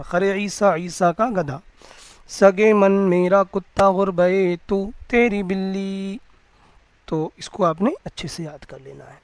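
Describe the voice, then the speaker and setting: A male religious teacher giving a lecture, reading each word slowly and then explaining it. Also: high voice, no echo.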